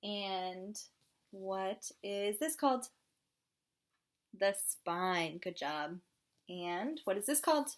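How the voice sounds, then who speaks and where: A woman teacher reading a storybook to young children, asking simple questions in the manner of a kids show host. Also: mid-range voice. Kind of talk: interactive storybook read-aloud.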